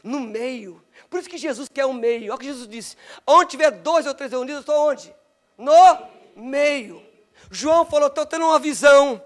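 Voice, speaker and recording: High-voiced fervent Brazilian preacher man. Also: animated, moderate pace. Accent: Brazilian Portuguese. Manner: fervent, swings from soft asides to rising shouts. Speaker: pastor. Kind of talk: Pentecostal sermon.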